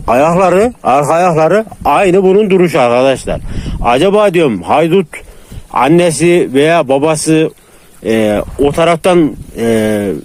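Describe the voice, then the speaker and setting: A man talking casually to viewers about his dogs outdoors, now and then calling to them in high, loud bursts. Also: a little hiss or hum. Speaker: dog breeder filming his dogs.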